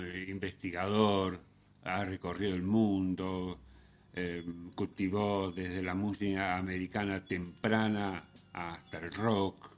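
A deep-voiced man hosts a radio music show, offering unscripted commentary in a halting manner, frequently hesitating and correcting himself.

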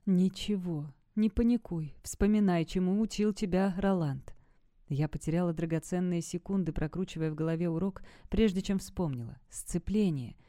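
Woman audiobook narrator, low and mellow, tense first-person storytelling, close mic. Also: clear, resonant tone, dry recording.

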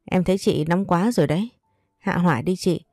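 A calm second wife tries to cool a quarrel, put on by a woman narrator. She is gentle and placating, and the voice is low and warm. The recording is dry and close. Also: a little fast, dry recording, faint music behind, lightly acted. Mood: soothing.

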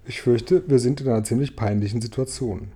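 An elderly, courteous grasshopper, as a male narrator plays him, keeps his speech formal and measured to hide his worry. The voice is dark and mellow with a husky edge. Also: medium pitch. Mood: reassuring. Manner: formal, trying to sound calm. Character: grasshopper, old male gentleman, anxious.

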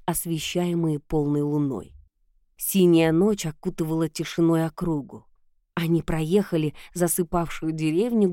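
Low-voiced woman narrating a fairy tale. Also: mellow, no echo, studio quality.

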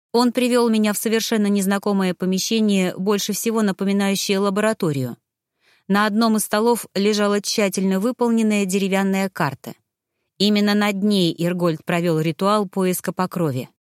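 A woman narrating a first-person fantasy audiobook with even, attentive storytelling. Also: medium pitch, normal speed, clear, resonant tone, no room sound, clean studio sound.

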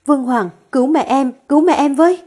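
A woman's voice: high voice, fast talker, mellow, pitched above the performer's own voice, lightly acted. A woman voicing a frail young woman who is crying out for help in an audio story. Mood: sobbing. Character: sick young woman, the younger daughter, sobbing.

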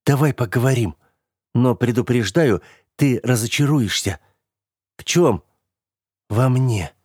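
A man reading a first-person story as an audiobook narrator in a steady, measured way. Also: fairly low pitch, dry recording, clean studio sound.

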